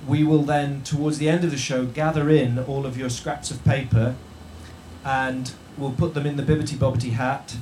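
Brief: male live-event host, mid-pitched, wry and stop-start, recorded in an echoey yurt. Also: little pitch movement, darkish tone. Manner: jokey, halting, with many restarts and fillers. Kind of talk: live stage hosting to an audience. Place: yurt venue with a live audience. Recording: roomy tent echo, faint noise.

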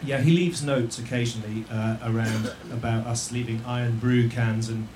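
A man hosting a live show to an audience in a yurt venue, jokey and halting, with many restarts and fillers. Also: medium pitch, steady tone, darkish tone. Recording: roomy tent echo, faint noise.

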